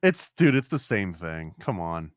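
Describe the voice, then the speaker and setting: A man's voice: low-pitched, big pitch swings, a little slow, no echo, studio quality. A man co-hosting a casual podcast chat, rambling and laughing often, his talk full of "like". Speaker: podcast co-host.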